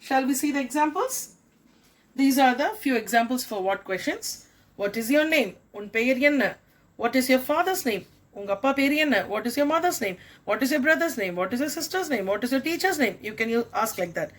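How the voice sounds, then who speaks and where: A middle-aged woman with a Tamil accent, a school principal giving an English lesson. She repeats each example sentence slowly and then gives it in her own language. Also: sits high, expressive. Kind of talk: classroom lesson.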